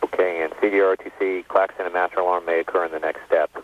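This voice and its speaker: A man reads procedural launch checklist steps over a tinny, narrowband radio comm loop. His voice is deep and husky. He talks quickly and keeps a flat, even tone. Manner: brisk procedural checklist talk. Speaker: launch test conductor. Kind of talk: clipped countdown radio call-outs.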